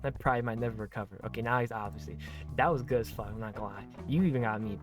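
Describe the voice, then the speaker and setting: A man with a mid-range voice talks fast over background music. He's a game streamer doing a let's play of a visual novel, reading the text aloud and reacting casually with slangy, effusive remarks and swearing.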